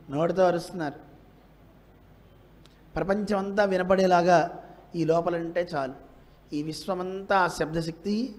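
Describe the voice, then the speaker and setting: A man giving a devotional discourse, chanting verses slowly and asking the audience rhetorical questions with emphasis. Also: sits high. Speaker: religious teacher.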